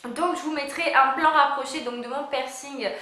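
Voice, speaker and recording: A young woman speaks in a distinctly high voice, chatting informally to her viewers. Her explanations are hesitant, and a new tongue piercing slightly hampers her articulation. The sound is roomy, with clear echo around the voice. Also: normal speed, bright, forceful tone. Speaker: vlogger. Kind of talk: casual chat to camera. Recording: roomy, echoing home-video sound.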